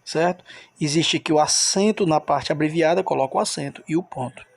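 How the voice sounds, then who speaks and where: A man's voice: fairly high pitch, brisk, gravelly, no room sound. A man teaching a recorded grammar lesson, explaining step by step and checking in with the listener.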